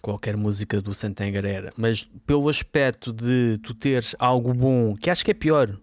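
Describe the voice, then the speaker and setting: Podcaster with a European Portuguese accent, medium-pitched voice, dry close sound, measured explaining tone. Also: male voice, dry recording. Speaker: podcast co-host. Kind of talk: casual chat.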